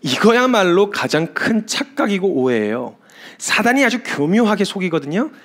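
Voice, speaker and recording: A man, a missionary preacher, giving a sermon with emphatic storytelling and lively asides. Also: sits high, moderate pace.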